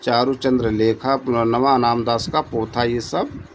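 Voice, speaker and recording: A man's voice: mid-range voice, fairly even intonation, unhurried, slight background noise. A man tutoring for Hindi exams, reading out quiz questions and repeating each answer to his students.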